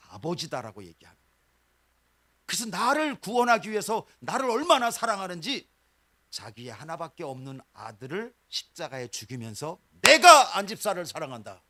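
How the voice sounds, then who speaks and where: A man preaching a midweek sermon with a lively pitch that climbs into loud, high bursts and then sinks to near-quiet low endings. His voice sits a little high for a man. He slips into quoted voices of believers and of God as he preaches. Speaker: pastor. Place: church.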